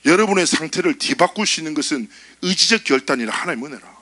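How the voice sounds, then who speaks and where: A man preaching a youth sermon at church, animated and joking as he acts out funny stories. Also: a little high, fast, dry recording. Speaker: youth pastor.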